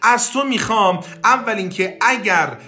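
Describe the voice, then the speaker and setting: A man's voice: high voice, sharp tone. A man teaching English on a podcast, coaching listeners through repeated drill phrases. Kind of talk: podcast language lesson.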